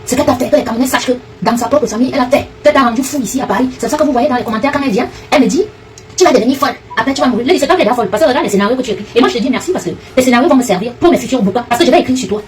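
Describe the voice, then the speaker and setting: A woman ranting fast and confrontationally, addressing a rival directly in a heated online video. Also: fairly high pitch, far from the mic, poor audio. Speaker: online commentator. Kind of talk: heated direct-to-camera rant.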